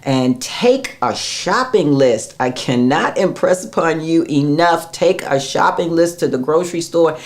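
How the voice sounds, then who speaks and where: A woman's voice: deep voice, expressive, unhurried, few pauses. A middle-aged woman hosting a casual live stream, giving fitness advice and chatting with viewers' comments. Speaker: host and fitness coach.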